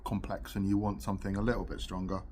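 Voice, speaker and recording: Speaking fast and flatly in a lowish voice, a British man gives an offhand review to camera between pipe puffs. No separate microphone was used; the camera's built-in one picks up noisy audio.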